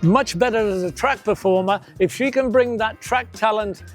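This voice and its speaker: A man narrating a measured, analytical preview of a half marathon field. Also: high voice, faint music behind. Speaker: commentator. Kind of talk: scripted race preview narration.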